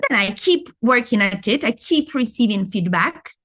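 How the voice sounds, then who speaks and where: A middle-aged Italian woman with an Italian accent leads a live, interactive masterclass on learning, explaining step by step and posing questions she then answers herself. Her voice is a little high and a bit bright, with lively intonation at a moderate pace.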